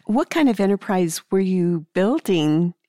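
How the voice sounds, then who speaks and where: Woman host, probing interviewer, lowish voice, dry sound. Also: expressive, a little slow, dry recording. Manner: curious, gently probing. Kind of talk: interview questions.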